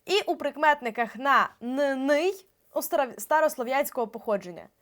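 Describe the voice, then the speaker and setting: Young woman teacher, pretty high voice, walks through grammar rules step by step, drags out the example words. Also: lively intonation, a bit bright. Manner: explains step by step, stretches out example words slowly. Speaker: Ukrainian language teacher. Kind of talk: exam-prep grammar lesson.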